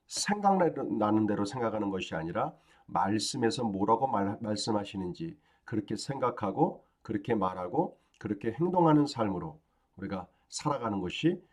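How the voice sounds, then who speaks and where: A pastor with a fairly low voice delivers a daily devotional sermon, calm and instructive, using frequent fillers and building emphasis on key phrases.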